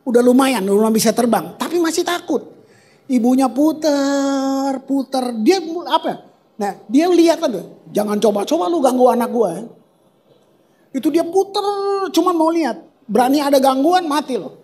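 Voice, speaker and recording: A male pastor preaching a lively evening prayer sermon in a church service, animated and playful, with colloquial slang, rhetorical questions and acted-out sounds for emphasis. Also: very high-pitched, normal speed. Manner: acts out sounds and cries for emphasis.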